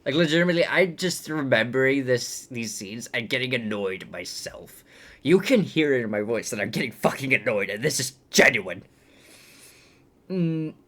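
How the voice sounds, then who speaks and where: A man reviewing a movie he hates, ranting with heavy swearing. He swings between loud outbursts and low, fed-up mutters. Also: expressive, moderate pace.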